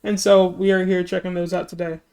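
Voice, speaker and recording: Throat trouble keeps tripping up this streamer's voice as they react to music videos, chatting in a rambling way with many fillers and self-interruptions. Delivery is flat and brisk, with a medium-pitched, mellow, clear and resonant tone plus vocal fry.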